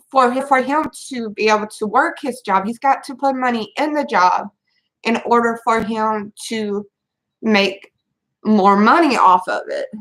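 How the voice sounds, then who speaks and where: A mother of three venting to her camera, halting and rambling with many restarts as she holds back tears. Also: a little high, fairly bright tone, low-quality recording. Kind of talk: tearful personal venting to camera.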